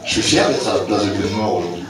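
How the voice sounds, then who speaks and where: A low-voiced older man from Brittany talks quickly at a local fête, and the recording is very noisy. He is a rural club president speaking informally to the crowd, hesitating, starting over repeatedly and laughing at his own jokes. The community hall echoes, and his voice comes from far off.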